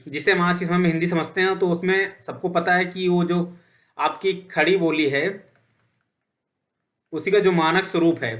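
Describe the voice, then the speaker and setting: Casual, fairly high-voiced male teacher. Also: fairly bright tone. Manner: conversational, repeats points with "ठीक है"; poses questions then answers them. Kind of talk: online lecture.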